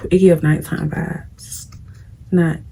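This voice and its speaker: A young woman vlogger speaks very slowly in a deep, level voice that is gravelly, scratchy, mellow, and slightly breathy. While doing her makeup, she gives casual get-ready-with-me advice, bluntly and preachily addressing viewers directly.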